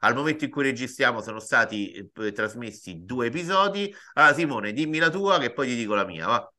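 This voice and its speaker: Italian man, podcast co-host, bright clear tone, brisk informative asides. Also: medium pitch, expressive. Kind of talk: casual film and TV chat.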